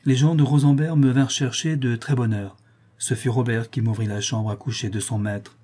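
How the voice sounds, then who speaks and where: A man reading a classic novel aloud in a measured, even narration. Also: mid-range voice, husky. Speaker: audiobook narrator.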